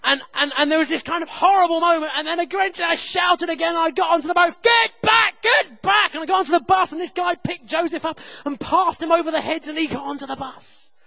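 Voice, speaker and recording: A man in his thirties preaching a sermon, telling a personal story with self-deprecating humor and loud shouted reenactments. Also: extremely high pitch, fairly even intonation, fast, vocal fry, few pauses, dry recording, highs cut off. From England.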